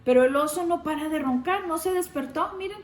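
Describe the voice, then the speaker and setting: A woman reading a picture book aloud to children, gently pointing them to the pictures. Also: sits high, a little fast. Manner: gentle, addresses kids, shows pictures. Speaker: storybook reader. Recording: roomy with faint music.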